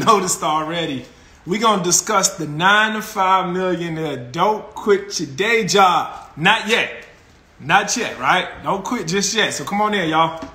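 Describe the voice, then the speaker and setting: A man's voice: high-pitched, bright, forceful tone, reverberant. A man, hosting a casual live stream from his phone and greeting viewers with an upbeat, laughing manner. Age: 40s. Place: small room with colored lights, indoors. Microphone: phone camera close up.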